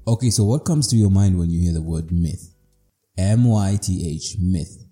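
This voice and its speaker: Man, low voice, very mellow tone, podcast monologue, playful, self-mocking, faint music behind. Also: animated, normal speed. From Zimbabwe. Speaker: podcast host. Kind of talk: reflective personal monologue.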